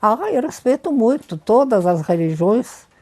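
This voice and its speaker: Warm-voiced older woman telling stories. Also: a little high, unhurried. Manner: lively anecdotal storytelling with emphatic repetition. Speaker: interviewee. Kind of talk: storytelling interview.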